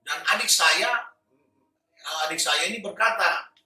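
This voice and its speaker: A man's voice: high voice, a little slow, sharp tone. A man sharing a personal religious testimony, in an earnest manner with fillers and restarts. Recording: echoey room, distant mic.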